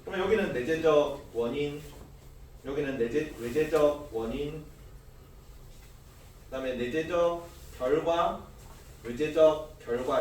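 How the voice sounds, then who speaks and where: Somewhat high and a little mellow, a male social studies teacher's voice comes through with slight hiss or hum. He gives an easygoing classroom lecture, quizzing students rhetorically and making jokes, recorded from afar in a very echoey space.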